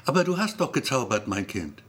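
A man with a husky voice playing a kind, gentle poor old man. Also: medium pitch, big pitch swings, brisk. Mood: amused.

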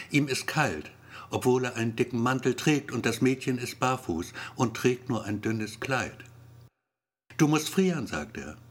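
Husky-voiced male storyteller. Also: mid-range voice, fairly bright tone. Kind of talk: scripted narration of a fairy tale.

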